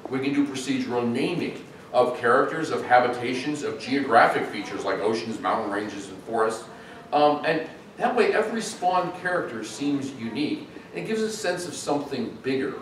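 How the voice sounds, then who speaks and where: A man's voice: medium pitch, moderate pace. Man lecturing in a very echoey hall. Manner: animated, chatty, with frequent ums and uhs. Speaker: conference speaker on game AI. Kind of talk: technical conference talk. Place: large echoey conference hall. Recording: echoey hall, distant mic, faint noise.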